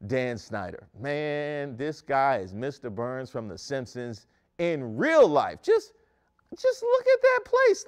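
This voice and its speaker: A young man with a fairly high, clear and resonant voice hosts a comedic news segment, tossing in mock-outraged jokes. He stands in a studio set in front of a screen while recording.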